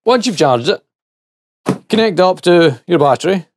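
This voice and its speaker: A middle-aged man does a casual hands-on teardown of a gadget, testing it and taking it apart while chatting and joking to himself. He sounds high-pitched and animated, speaking at normal speed.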